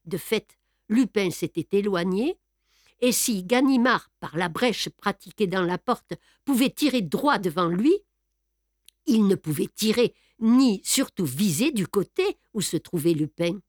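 A woman narrating a classic adventure novel aloud in a measured, expressive reading. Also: medium pitch, no room sound, clean studio sound. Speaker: reader. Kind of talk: audiobook narration.

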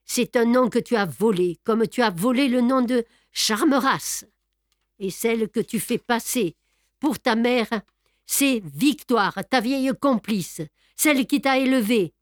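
A woman's voice: a little high, unhurried, no room sound, clean studio sound, lightly acted. A woman voicing a vengeful adult male English detective in an audiobook, harsh and accusing. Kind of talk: audiobook character voice.

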